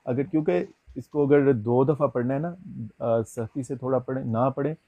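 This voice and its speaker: Male Quran teacher, mid-pitched, dry close sound, slow drawn-out recitation with brisk explanations. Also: steady tone, no room sound, phone-quality sound. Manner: recites very slowly and clearly, then explains quickly. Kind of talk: patient tajweed lesson, call-and-repeat.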